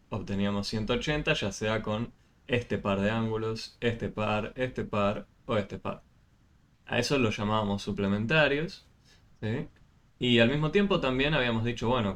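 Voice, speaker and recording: A man tutoring math over a video call, explaining step by step with many fillers. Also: fairly low pitch. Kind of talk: online tutoring session.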